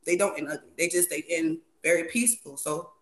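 A woman's voice: sits low, a little fast. A woman chatting candidly as a panelist, emphatic and often repeating phrases for weight. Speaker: talk show panelist. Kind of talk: casual, candid chat. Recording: roomy, echoing sound.

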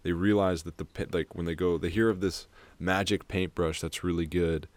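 A young man with a low, steady voice talks at a moderate pace, with no echo. As a podcast co-host in a casual film discussion, he retells a movie's plot in a rambling, profane way and laughs often.

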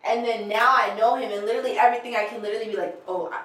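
Animated young woman, echoey room. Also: a little high, racing. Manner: animated, filler-heavy testimony with laughs. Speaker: podcast co-host. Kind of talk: casual faith podcast chat. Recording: echoey room with faint ambience.

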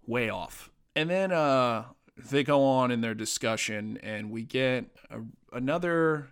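Gravelly-voiced man rambling through a review. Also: medium pitch, measured pace, a bit bright. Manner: rambling, conversational, with frequent fillers and restarts. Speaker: podcast host reviewing a TV episode. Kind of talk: casual spoken review.

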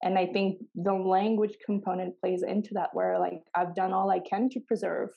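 A podcast co-host whose first languages are Pashto and Farsi speaks earnestly in a reflective conversation, searching for words and often restarting her sentences. Her voice is mid-range with vocal fry, little pitch movement, and normal speed. The highs sound cut off.

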